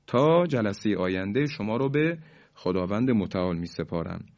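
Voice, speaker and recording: A man teaching a Quranic tajweed lesson, explaining rules calmly and stretching out each example word slowly as he demonstrates its sound. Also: fairly low pitch, dull audio. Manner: slow, drawn-out demonstrations of recited words.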